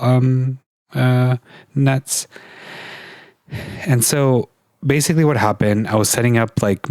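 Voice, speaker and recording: Animated storytelling man, dry close sound. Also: no echo. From California. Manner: animated storyteller, swears freely, high-pitched when quoting others. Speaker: podcast co-host. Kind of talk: casual chat. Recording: mic set a little too far away.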